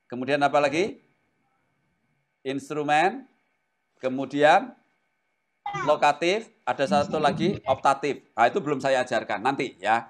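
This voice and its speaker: A man teaching a Greek language class who keeps quizzing his students. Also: on the high side. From Indonesia. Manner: animated, asks the class questions often. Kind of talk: classroom lesson.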